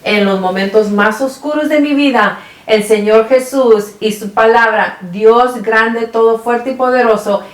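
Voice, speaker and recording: A woman's voice: on the high side, a little slow, few pauses. Distant woman sharing a faith testimony. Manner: soft listener, answers with steady "ujú". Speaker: podcast co-host. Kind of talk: personal testimony in a faith chat. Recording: echoey room, a bit off mic.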